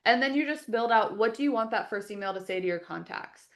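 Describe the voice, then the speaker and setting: Woman walking through a software tutorial. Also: on the high side, lively intonation, fast. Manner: step-by-step instructional, friendly and practical. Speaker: software trainer for the company. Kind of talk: live webinar screen-share tutorial.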